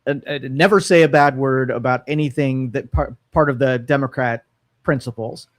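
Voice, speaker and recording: A radio talk show co-host in a studio muses aloud in casual opinion talk, full of fillers and restarts. His voice is medium-pitched at a normal speed, with no room sound.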